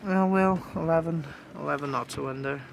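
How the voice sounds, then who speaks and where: On the high side and fairly quick with vocal fry, this Northern Irish man chats to a handheld action camera held close as he sails a small boat, narrating casually on deck and in the cabin. His manner is relaxed, informal and chatty with easy fillers. The recording is low quality and windy, with wind and water noise.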